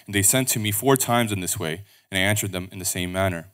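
A man reading scripture aloud at a pulpit microphone in a church service, steady and measured. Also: deep voice, smooth.

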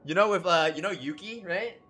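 Over game music, a live streamer gushes as he reacts to game cutscenes, his slangy talk full of "bro" and "dude." His voice sits high, brisk and bright, forceful with a breathy edge.

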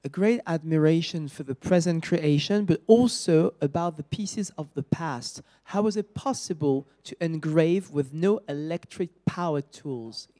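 A man presenting an upcoming exhibition and reading out audience questions in a formal, measured way. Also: fairly high pitch, mellow.

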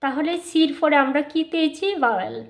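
A woman teaching English spelling and phonics, spelling words out letter by letter and repeating them slowly. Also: sits high. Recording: dull lo-fi sound.

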